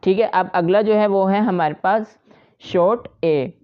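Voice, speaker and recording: A woman's voice: mid-range voice, measured pace, clear, resonant tone, dull audio. A woman teaching shorthand step by step, patiently repeating each point to her students. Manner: patient, repetitive explaining to students. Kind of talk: step-by-step tutorial.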